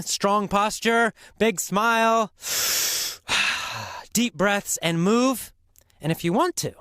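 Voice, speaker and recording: Guy teaching english with a little story, slow and super expressive, bright voice, dry close sound. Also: clean tone, no echo. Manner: very animated, leaps to high excited voices for quotes and drops to whispers. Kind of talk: storytelling lesson for learners.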